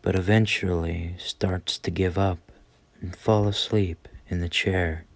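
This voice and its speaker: A man's voice: low voice, steady tone, slow, vocal fry, no room sound. A man narrating a scripted horror story as its storyteller.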